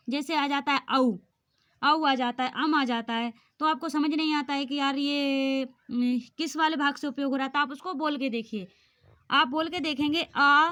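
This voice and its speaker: A woman's voice: high voice, fairly bright tone. A woman teaching a grammar lesson for exam preparation, patiently explaining and sounding out vowels aloud.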